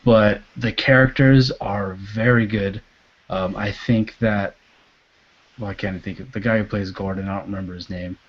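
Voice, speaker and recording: A man co-hosting a comic book podcast, speaking in a laid-back, hesitant way with many fillers and quiet trailing endings. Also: on the low side, fairly even intonation, normal speed. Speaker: podcast co-host. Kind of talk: casual chat. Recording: dull lo-fi podcast audio.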